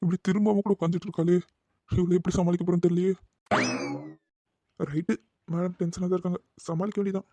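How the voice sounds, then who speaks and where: A man's voice: high-pitched, little pitch movement, quick pace, long pauses, warm tone. A man voicing a playful young man who teases and reassures his worried sweetheart in a cartoon. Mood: fretting. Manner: playful, coaxing, teasing. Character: young man teasing his anxious fiancée. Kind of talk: Tamil cartoon dubbing.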